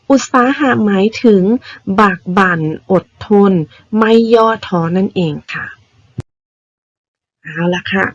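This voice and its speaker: A woman primary school teacher patiently explaining vocabulary words to young children, spelling them out slowly. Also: mid-range voice, dry recording, lo-fi sound. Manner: patient, spells words out slowly, ends phrases with polite particles.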